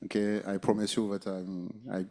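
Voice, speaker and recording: A male basketball coach with a French accent and French as his first language, answering at a postgame press conference in halting English, full of fillers and restarts. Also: on the low side, level tone, darkish tone.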